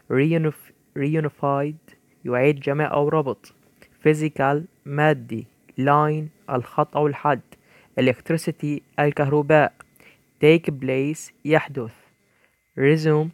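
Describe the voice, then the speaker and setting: A man reading English vocabulary words one by one, each followed by its Arabic translation, in a slow, deliberate dictating manner. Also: fairly high pitch, no room sound. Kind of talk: vocabulary list read aloud with Arabic translations.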